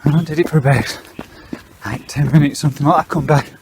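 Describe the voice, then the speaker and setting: A man's voice: fairly high pitch, fairly even intonation, noisy background. Breathless man in his fifties. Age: 50s. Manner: chatty and frank, with breathy pauses between phrases. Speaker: vlogger. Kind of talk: casual talk to camera while running. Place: outdoors on a foggy housing estate in the early morning.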